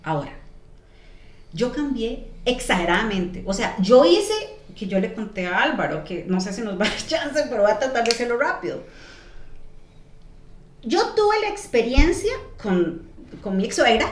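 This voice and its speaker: A woman, a podcast guest, telling her life story casually in an animated, lively way. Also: unhurried, long pauses. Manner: animated, lively storyteller who jumps in pitch when quoting herself. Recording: echoey room.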